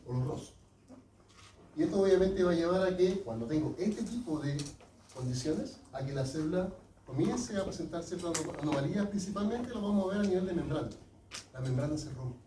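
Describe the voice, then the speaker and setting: A man's voice: on the high side, lively intonation, fairly quick, dark tone, slight background noise. A man teaching a class, often checking in with his students. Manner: asks students frequent check-in questions. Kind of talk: classroom lecture. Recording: echoey classroom from far off.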